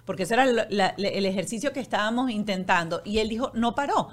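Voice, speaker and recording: A woman's voice: mid-range voice, lively intonation, fast. A woman hosting a casual conversation, asking probing questions in a conversational way with frequent fillers. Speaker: host.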